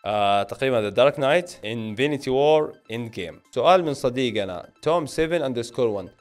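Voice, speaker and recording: Medium-pitched, expressive and quick, a Hejazi Saudi man in his late twenties hosts a casual Q&A to camera for his film and series YouTube channel. Faint music plays behind him as he reads out viewer questions and answers them conversationally, speaking directly to viewers into a close stand microphone in a small indoor home studio.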